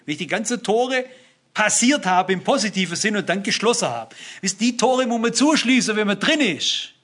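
Man preaching, high and husky, earnest, speaks straight to the congregation. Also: animated, normal speed, a bit bright. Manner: earnest, addresses listeners with "wisst ihr", cites Bible verses. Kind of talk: sermon.

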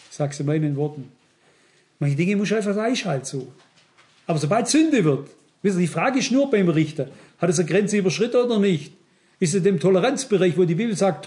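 High-voiced man preaching to a congregation. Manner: addresses congregation directly, asks "versteht ihr?"; acts out quoted dialogue in lively asides. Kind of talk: sermon. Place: church before a congregation.

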